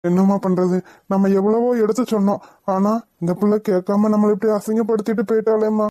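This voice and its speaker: An actor voicing a calm middle-aged cartoon father who soothes his wife and takes charge. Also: high-pitched, fast, no room sound, clean studio sound, close to an everyday voice. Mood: resigned. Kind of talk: animated cartoon voice acting.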